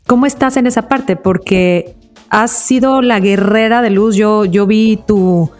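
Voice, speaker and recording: Gentle woman podcast host. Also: mid-range voice, fairly even intonation, unhurried, soft background music. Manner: gentle and reflective, asks open questions. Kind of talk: interview chat.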